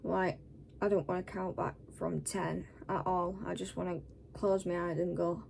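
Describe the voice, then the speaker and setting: A woman's voice: fairly low pitch, little pitch movement, normal speed, creaky, a little mellow. A woman with a Northern English accent chatting casually and bluntly, worn out and scratchy-throated after having a wisdom tooth out. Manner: sweary, blunt. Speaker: vlogger. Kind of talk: casual personal storytelling to camera.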